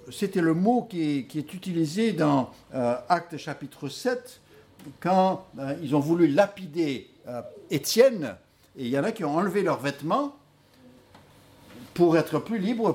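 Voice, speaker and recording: A man preaching a sermon, telling stories in an animated way with many hesitations. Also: a little high.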